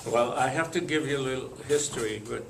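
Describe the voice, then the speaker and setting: An older man from Lithuania, telling his life story to an audience in a slow, halting way with many pauses and fillers. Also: medium pitch, vocal fry, roomy sound, very noisy. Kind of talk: spoken testimony to an audience.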